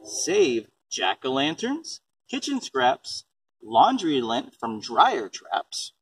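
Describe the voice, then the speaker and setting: A man with a mid-range, husky voice speaks slowly, his pitch swooping wildly. He is a parent reading a storybook and chatting about composting, keeping explanations simple and asking a young child questions. The recording sounds distant, with faint background noise.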